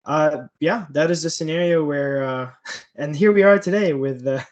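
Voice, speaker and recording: A man's voice: on the high side, normal speed, highs cut off. A man hosting a casual political podcast chat, speaking sarcastically and chuckling mid-sentence.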